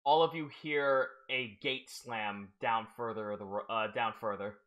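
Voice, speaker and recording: Bright-voiced man running a tabletop game. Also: lowish voice, fairly even intonation, highs cut off. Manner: halting, with many restarts when explaining rules. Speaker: game master.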